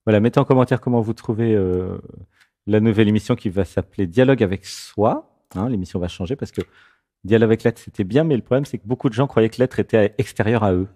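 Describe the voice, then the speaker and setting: A man's voice: on the low side, quick pace. A man hosting a spiritual talk show and guiding a caller, checking in often as he speaks. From France. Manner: animated, keeps checking in with "tu vois".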